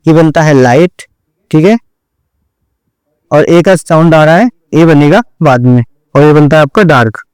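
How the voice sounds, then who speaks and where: A man's voice: on the high side, unhurried, pauses often, a little mellow, clear, resonant tone, dry recording, rough recording. A man teaching an online shorthand lesson, explaining each step and repeating "theek hai" after every point as he addresses his students directly. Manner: drills points over and over.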